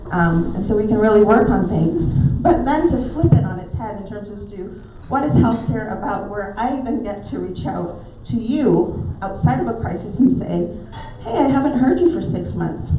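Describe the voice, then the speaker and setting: A woman's voice: mid-range voice, noisy background. A middle-aged woman from Barbados with a Barbadian accent, telling stories with filler ums as a guest speaker at a club meeting in a pub. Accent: Barbadian, softened by years in the US. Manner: warm storytelling with filler ums. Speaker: guest speaker, naturopathic doctor. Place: pub dining room. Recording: echoey, dull, distant room recording.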